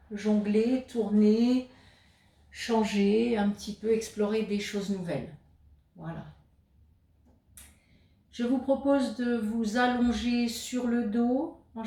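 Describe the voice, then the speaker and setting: A woman who teaches yoga, guiding a yoga nidra meditation with slow, calm instructions and gentle repetition. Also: fairly high pitch, reverberant.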